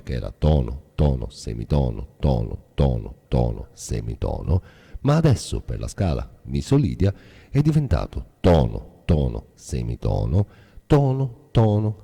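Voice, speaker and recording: A man's voice: a bass voice, very animated, normal speed, gravelly, dark tone, breathy edge, big-room sound. A man teaching music theory as a guitar teacher, explaining step by step in a patient, methodical way.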